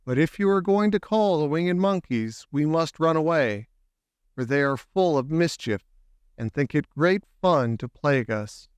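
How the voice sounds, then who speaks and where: A man voicing a small, helpful queen of the field mice in a squeaky storybook voice. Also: animated, a little slow, clear, resonant tone, no echo, clean studio sound.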